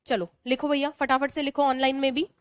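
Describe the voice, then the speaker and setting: Indian-accented woman teacher, high voice, asks the class questions and repeats key points, dry close mic. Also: little pitch movement, a little fast, no room sound. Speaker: English grammar teacher. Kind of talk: online class lecture.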